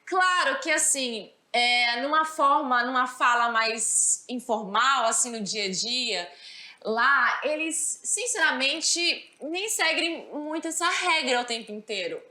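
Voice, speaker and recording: A Brazilian woman teaching English grammar, her voice high and bright. She explains patiently and keeps checking that the class follows along. The sound carries a roomy echo. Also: lively intonation, slow. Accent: Brazilian Portuguese. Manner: explanatory, checks understanding with "certo?". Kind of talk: recorded school lesson.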